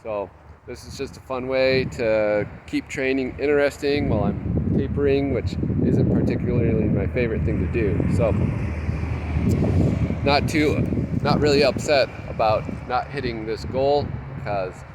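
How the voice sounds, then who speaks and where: A man with a slightly congested, head-cold voice talks in a casual, halting, self-deprecating vlog monologue, matter-of-fact throughout. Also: mid-range voice. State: has a cold with nasal congestion. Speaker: vlogger, trail runner. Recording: loud wind and outdoor noise on mic.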